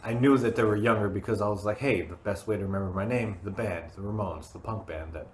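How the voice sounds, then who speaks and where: A man's voice: on the low side, fast, darkish tone, a little hiss or hum. A young man co-hosting a casual podcast, easygoing and telling a story about his coworkers. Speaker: podcast co-host. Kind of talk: casual chat. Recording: echoey garage.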